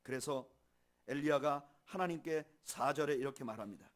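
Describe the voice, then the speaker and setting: A man preaching a sermon as pastor, swinging from loud, emphatic lines to soft, hushed ones, and slowing down to read scripture aloud. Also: mid-range voice. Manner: slow measured reading of scripture with the congregation. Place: church sanctuary.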